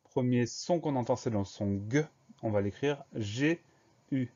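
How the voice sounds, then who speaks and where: Man, teacher, spelling lesson, careful letter-by-letter dictation, mid-pitched, dull lo-fi sound. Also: unhurried, mellow.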